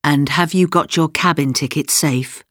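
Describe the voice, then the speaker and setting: A woman voicing a tired, gruff middle-aged father in a storybook reading, in a low voice. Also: normal speed, dry recording, clean studio sound. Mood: curt. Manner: curt, then gentle.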